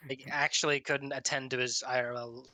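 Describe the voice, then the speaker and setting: A man's voice: mid-range voice, flat delivery, fairly quick, sharp tone, no echo. A man playing in a tabletop game, bantering casually, joking and swearing a bit. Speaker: player.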